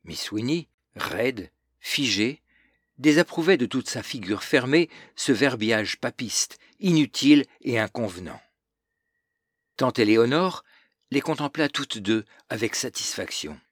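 A man narrating a novel as an audiobook in a measured, literary manner. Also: medium pitch, very animated, husky, no echo, studio quality.

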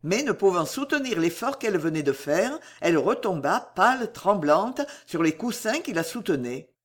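A male audiobook narrator reading a novel aloud. His voice sits high for a man and swings through a very lively melody. The reading is expressive and dramatic throughout. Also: moderate pace.

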